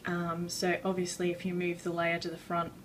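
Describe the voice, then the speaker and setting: A woman giving a casual drawing tutorial, rambling and self-deprecating with many fillers, a bit out of breath and clearing her throat. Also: on the low side, completely flat delivery, normal speed, recorded from a distance, a little hiss or hum, rough recording. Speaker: art tutorial maker.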